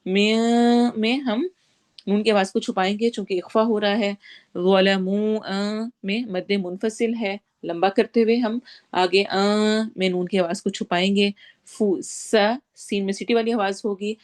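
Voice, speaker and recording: A woman teaching tajweed, reciting Quranic verses slowly and drawn out, then explaining each rule in brisk Urdu with a Pakistani accent. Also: mid-range voice, fairly even intonation. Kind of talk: tajweed lesson, slow chanted recitation between quick spoken explanations.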